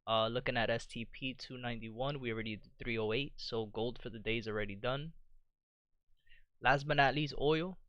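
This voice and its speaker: A man's voice: mid-range voice, normal speed, dry recording, dull audio. Man thinking aloud on a trading stream. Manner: relaxed, thinks aloud with "you know" and "right?". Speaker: trading livestream host. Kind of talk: live market commentary.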